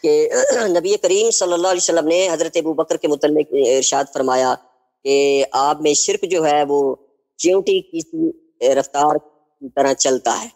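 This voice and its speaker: High-voiced guy calling in, defensive, talks over the host, slow when he makes his point. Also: a little mellow. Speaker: caller. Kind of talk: heated debate on a call-in show.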